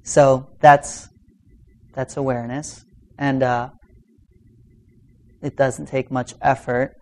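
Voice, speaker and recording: A man teaching meditation in an informal dharma talk, speaking in a halting, reflective way with long pauses. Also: mid-range voice, flat delivery. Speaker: meditation teacher giving a talk to a practice group.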